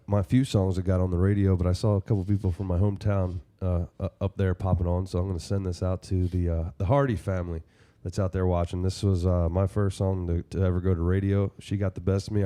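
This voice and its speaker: A man's voice: low voice, level tone, fairly quick, mellow, smooth. A man who is a singer-songwriter, chatting casually between songs in a rambling way, with a stuffed-up, pinched-nose sound from a sinus infection.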